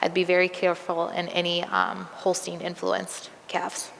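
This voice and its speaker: A woman veterinarian takes audience questions in a large hall. Her voice has a gravelly, fry-filled edge, and she sounds a little strained, as if she is losing it. The sound carries a long reverb with a faint hiss of room noise. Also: lowish voice, monotone, normal speed, fairly bright tone. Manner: conversational, many um fillers, practical. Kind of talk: live Q&A at a presentation.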